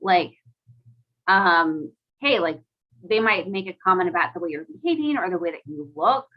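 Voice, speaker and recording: A woman's voice: fairly low pitch, expressive, normal speed. Woman, thirties, casual live talk, chatty, lots of filler words, dull lo-fi audio. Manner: chatty, many "like"s, asks the audience questions, laughs often.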